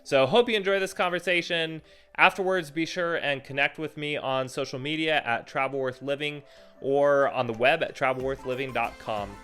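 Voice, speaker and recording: Host: upbeat, chatty man, bright voice, faint music underneath. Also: a little high, normal speed, clean tone. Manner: enthusiastic, chatty. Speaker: podcast host. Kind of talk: casual podcast chat.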